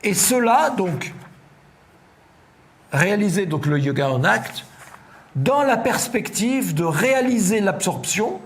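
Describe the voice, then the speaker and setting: A middle-aged man with a rather high-pitched voice delivers a philosophy lecture to a seated audience. He explains patiently, circling back with hesitations and little asides to check that listeners follow. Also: big pitch swings, slow, pauses often.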